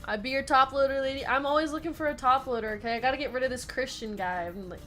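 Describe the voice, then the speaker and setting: A woman with a high, bright-sounding voice hosts a live sports card break. She talks in a casual, upbeat way, rattling off names and teams in quick lists and chatting back to viewers' comments, with soft music playing faintly behind her. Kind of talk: casual live-stream chat while opening card packs.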